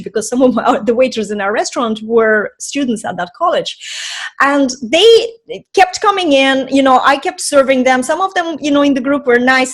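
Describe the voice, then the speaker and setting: A woman in her forties from Estonia speaks as a podcast guest. Her voice sits a little high, and she tells her story in a chatty, animated way, full of fillers. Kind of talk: casual storytelling in an interview.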